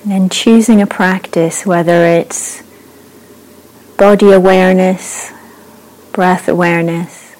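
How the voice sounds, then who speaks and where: A woman leads a guided meditation in a mellow, warm voice. She speaks slowly and gently, leaving long pauses between phrases, and her pitch stays even and flat throughout. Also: low-quality recording. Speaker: meditation teacher.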